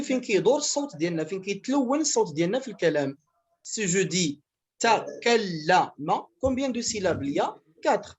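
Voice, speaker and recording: A Moroccan man teaches a French class over a video call, explaining step by step and drawing out each example word. His voice sits high and has a husky, breathy edge. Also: darkish tone. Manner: explains slowly, stretching example words, switching into Moroccan Arabic. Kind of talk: online class lecture.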